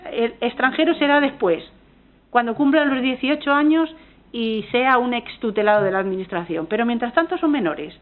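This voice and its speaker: A woman from Spain with a Spanish accent giving an academic conference talk as a university lecturer, earnest and engaged, often restarting and correcting herself mid-sentence. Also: on the high side. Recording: tinny phone-like audio.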